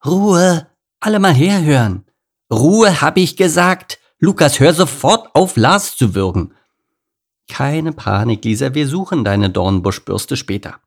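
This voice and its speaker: A man's voice: lowish voice, expressive, unhurried, gravelly, few pauses, darkish tone, heavily acted. A man voicing a bossy but caring lioness mother in an audiobook story. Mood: scolding. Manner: scolding, commanding.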